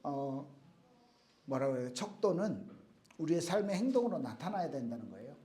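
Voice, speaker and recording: A man's voice: fairly high pitch, very animated, normal speed, warm tone, echoey room. A man giving a casual youth sermon, telling stories in plain speech and acting out the quotes himself. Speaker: youth pastor. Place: church youth service room.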